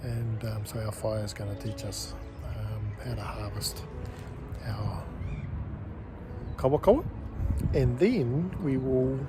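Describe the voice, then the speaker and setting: A man with a New Zealand accent giving a casual, upbeat vlog recap, informal and halting with pauses. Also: mid-range voice. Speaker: workshop organiser presenting a recap. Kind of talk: casual vlog chat to camera. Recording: music behind the voice.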